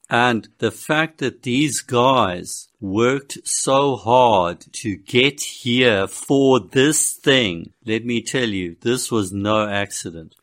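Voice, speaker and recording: A man's voice: fairly low pitch, fairly bright tone. A man giving a blunt, emphatic commentary monologue on a video. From South Africa. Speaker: political commentator.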